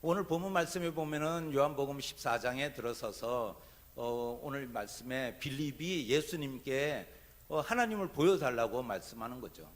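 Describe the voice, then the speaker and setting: A man preaching as a pastor in church, thanking the choir and telling a humorous childhood story in an animated way. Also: mid-range voice, moderate pace. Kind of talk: sermon with storytelling. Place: church sanctuary.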